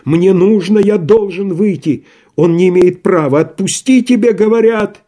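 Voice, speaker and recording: A man's voice: medium pitch, unhurried, dark tone, close to an everyday voice. A man playing a weary broken doctor. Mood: pleading. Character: weary, broken middle-aged male doctor.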